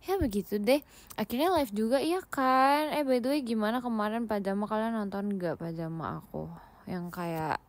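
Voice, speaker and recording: A woman's voice: medium pitch, moderate pace. Chatty playful young woman livestreaming. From Indonesia. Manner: chatty and playful, sprinkles English words, giggles. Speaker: idol livestreamer. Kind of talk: casual livestream chat with viewers. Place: lying down at home.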